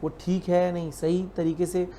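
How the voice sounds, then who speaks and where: A man's voice: sits high, flat delivery, moderate pace, warm tone, a little hiss or hum. A man teaching an online class in a casual, chatty way. He repeats points, calls students "beta" and explains with everyday examples.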